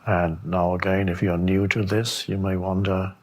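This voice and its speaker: In a meditation talk, a male spiritual teacher speaks in a low-sitting, level tone. He's contemplative, leaving long pauses and posing gentle questions.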